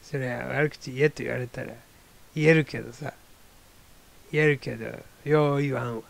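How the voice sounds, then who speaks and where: Gravelly man musing in a casual monologue. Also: mid-range voice, fairly even intonation, normal speed, fairly bright tone. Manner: rambling, wry, self-deprecating musing. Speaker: solo talk show host.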